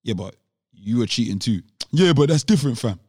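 A man's voice: mid-range voice, lively intonation, a little fast, a little mellow, no room sound, studio quality. London roadman guy, slangy and emphatic. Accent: London urban roadman (Multicultural London English). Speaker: podcast co-host. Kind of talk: casual podcast chat.

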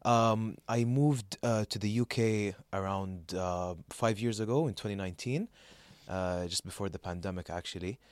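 A man's voice: fairly low pitch, normal speed, few pauses, no room sound. A young man from Saudi Arabia co-hosting a podcast, chatting loosely with plenty of fillers, restarts and laughter. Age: young adult. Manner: rambling, laughs a lot, many fillers and restarts. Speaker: podcast co-host. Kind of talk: casual chat.

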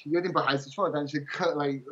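A foreigner, a native English-speaking man, chatting casually in English-accented Mandarin as an interview guest, halting as he searches for words and slipping into English. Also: fairly high pitch, fairly even intonation, bright, forceful tone, husky, lo-fi sound. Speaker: interview guest, game translator.

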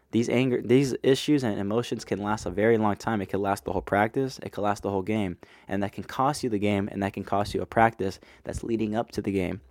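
A man's voice: fairly low pitch, a little mellow, no room sound, clean studio sound. Earnest young man hosting a podcast. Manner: earnest, repetitive, coaching tone with rhetorical questions. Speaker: podcast host. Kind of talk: solo podcast monologue. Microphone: close microphone.

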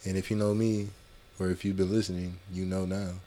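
Laid-back low-voiced man chatting. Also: flat delivery, a little fast, warm tone. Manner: laid-back, joking, swears freely. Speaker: podcast co-host. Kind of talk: casual podcast chat.

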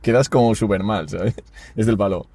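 A man's voice: on the low side, moderate pace, husky, no room sound. A young man chatting casually as a podcast co-host, joking and swearing as he tells stories. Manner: joking, swearing, animated storyteller. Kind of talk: casual chat.

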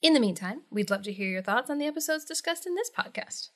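A woman co-hosting a podcast in casual chat, animated and teasing, laughing often. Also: sits high, fast. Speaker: podcast co-host.

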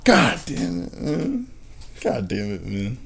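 A young man co-hosting a podcast, loud and joking, swearing and laughing a lot. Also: fairly low pitch, huge pitch swings, slow, gravelly, breathy edge. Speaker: podcast co-host. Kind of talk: casual podcast chat.

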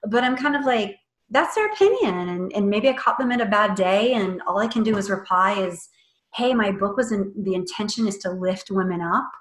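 A woman's voice: mid-range voice, a little fast, fairly bright tone. A woman guest on a podcast, chatting casually and animatedly about a book she wrote, laughing often. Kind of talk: casual chat. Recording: roomy echo.

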